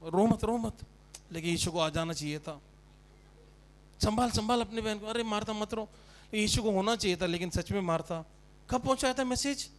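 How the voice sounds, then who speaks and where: Brief: man doing a fussy consoling mourner woman, soft and murmuring, smooth tone. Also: high voice, normal speed, pauses often, voice pushed down, lightly acted. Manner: soft, hushed, repetitive soothing.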